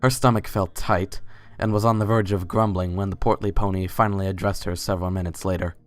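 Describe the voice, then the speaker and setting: A man with a low voice reads scripted story narration as a dramatic reading, delivering it flatly at a fairly quick pace. Music plays underneath his voice.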